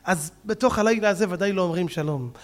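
A man preaching a sermon as a rabbi, with great passion. He swings from fiery outbursts to soft, pleading appeals. His voice sits high. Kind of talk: impassioned sermon.

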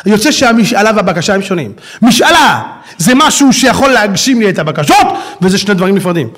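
A male preacher delivers a sermon with an animated storytelling manner. His voice sits high, and he turns to his listeners with rhetorical questions.

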